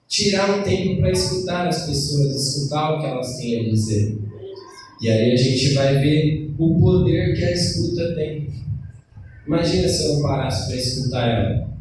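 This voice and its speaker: A man's voice: fairly high pitch, a little mellow, a little hiss or hum. A man with a Brazilian Portuguese accent, a preacher and schoolteacher, preaching a sermon and telling a story from his classroom to the congregation. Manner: storytelling with acted quotes, addresses the congregation. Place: church hall. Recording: echoey church from far off, faint ambience.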